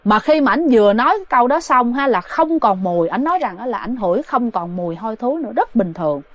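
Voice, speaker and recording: A woman's voice: a little high, very animated, fast talker, no echo. A woman telling a ghost story in a chatty way, talking straight to her listeners. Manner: chatty, addresses listeners directly. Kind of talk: spoken ghost story narration.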